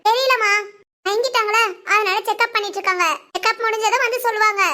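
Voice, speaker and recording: A woman's voice: extremely high pitch, steady tone, fast, pushed and bright. A woman voicing a young hospital nurse in a family cartoon, polite and reassuring. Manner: polite, reassuring, explaining patiently. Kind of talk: Tamil family cartoon voice acting.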